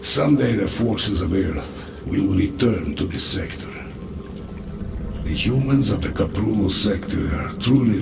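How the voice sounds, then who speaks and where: An actor playing a reflective, world-weary officer in a video game, speaking slowly and wistfully. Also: male voice, low-pitched, vocal fry, roomy sound, recorded from a distance, heavily acted. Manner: slow, wistful.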